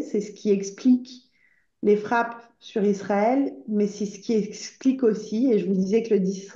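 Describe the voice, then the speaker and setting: Speaking for an association, a woman from Iran delivers an impassioned conference speech, urging the audience to take action with earnest urgency and frequent hesitant fillers. She has a mellow, dark, middle-pitched voice. The echoing room makes the recording roomy and a bit dull and muffled.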